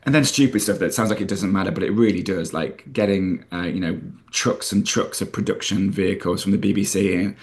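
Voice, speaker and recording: Deep-voiced Nottinghamshire man, animated. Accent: North Nottinghamshire. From Nottinghamshire, England. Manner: enthusiastic, fast, many restarts and repeated words. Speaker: playwright and TV screenwriter guest. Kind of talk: casual interview chat.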